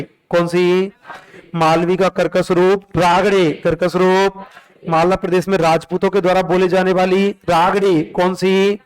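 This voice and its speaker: A man, lecturing a class in an exam-prep style. He fires short questions and has the answers repeated back in a steady drill. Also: sits high, smooth. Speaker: teacher.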